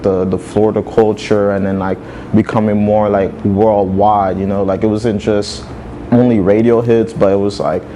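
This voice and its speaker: A man in his twenties, originally from Saint Martin, talks in an easygoing interview as a music manager and show promoter. His voice sits a little low and sounds mellow and warm. He leans on "like" constantly, with a faint hum of noise behind him. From Saint Martin, French side. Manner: laid-back, peppers speech with "like". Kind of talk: casual interview talk.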